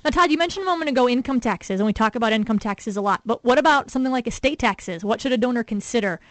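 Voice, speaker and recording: A woman co-hosting a financial radio show, giving brisk segues and questions. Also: fairly high pitch, animated, no room sound. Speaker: radio co-host.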